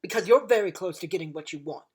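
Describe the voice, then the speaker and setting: A woman's voice: on the low side, animated, quick pace, breathy edge. A woman playing an impassioned war veteran pleading for peace in a theatrical, rousing dramatic monologue. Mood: taunting, probing. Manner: theatrical, swinging from hushed to shouted. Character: impassioned, unforgiving-yet-forgiving time-traveller war veteran pleading for peace.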